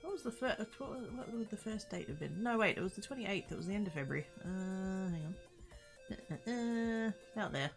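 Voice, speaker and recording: A woman's voice: mid-range voice, animated, fairly quick, music in the background. A woman livestreamer chatting casually and playfully with her viewers, rambling and easily sidetracked. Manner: playful, informal greetings to chat.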